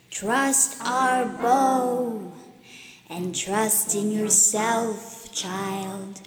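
A woman reading a storybook, voicing Orion, a group of wise stars, slow and solemn as they give a warning. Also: a little high, reverberant, in a large hall. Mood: gentle.

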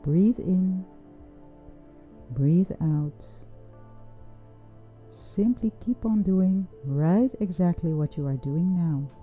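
A woman leading a guided breathing meditation in a soft, soothing, unhurried voice with long pauses. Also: lowish voice, husky. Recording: dull, muffled sound with music underneath. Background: music.

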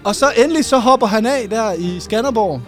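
A man co-hosting a casual chat, telling an animated story with plenty of laughs. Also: high voice, soft background music. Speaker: podcast co-host.

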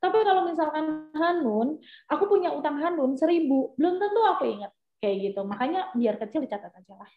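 A woman's voice: high-pitched, brisk. A young adult woman, a business guest, talking casually and animatedly with lots of fillers. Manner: chatty, animated, with many fillers. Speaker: entrepreneur guest. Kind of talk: casual interview chat. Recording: echoey, dull lo-fi sound.

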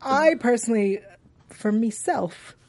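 A woman's voice: on the high side, expressive, measured pace, a little mellow, slight background noise. A woman hosting a casual TV after-show, chatting emphatically and repeating her points for effect. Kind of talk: casual TV recap chat.

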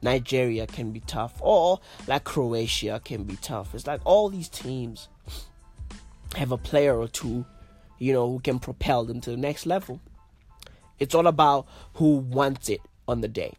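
Slow-talking congested man, slangy and sweary. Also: mid-range voice, lively intonation, a little mellow, faint music behind. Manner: slangy, heavy swearing, repeats himself. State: congested, blocked-up nose and sinuses. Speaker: podcast host. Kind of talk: casual solo podcast monologue. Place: in his bed.

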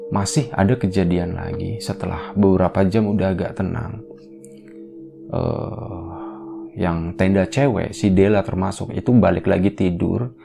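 A man casually retelling a horror story as a podcast storyteller, in a relaxed, rambling, conversational way. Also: deep voice, gravelly.

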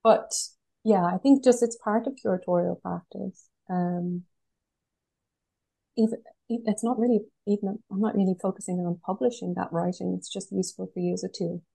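Husky west of Ireland woman, thoughtful. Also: mid-range voice, fairly even intonation, normal speed, mellow, low-quality recording. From Galway, west of Ireland. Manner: thoughtful, pragmatic. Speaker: interview guest, art curator. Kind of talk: conversational interview answers.

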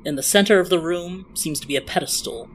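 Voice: medium pitch, fast talker, low-quality recording. A game master narrating a tabletop role-playing game and putting questions to the players. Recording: faint background noise.

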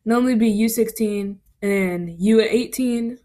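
A woman's voice: fairly high pitch, measured pace, warm tone. A teenage girl hosting a casual podcast, protesting and laughing, rambling through stories. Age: teens. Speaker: podcast host. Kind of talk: casual chat.

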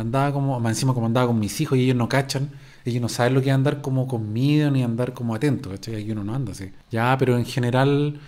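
A man's voice: medium pitch, mellow. A middle-aged Chilean man with a Chilean accent, chatting casually on his podcast, rambling and slangy with frequent restarts. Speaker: podcast host. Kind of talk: casual chat answering listener questions.

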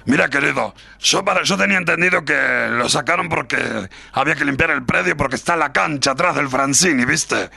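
An actor playing a folksy old grandfather with a creaky voice and a Uruguayan accent, for comedy radio. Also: a little high, brisk, few pauses, dry recording, faint music behind, full character voice. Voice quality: heavily creaky, sharp. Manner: folksy, familiar.

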